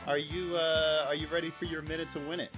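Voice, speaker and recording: A man's voice: fairly high pitch, flat delivery, fast talker, music in the background. A man hosting a casual gaming podcast, amused and easygoing as he steers the talk. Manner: laid-back, amused, steering the show. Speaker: podcast host.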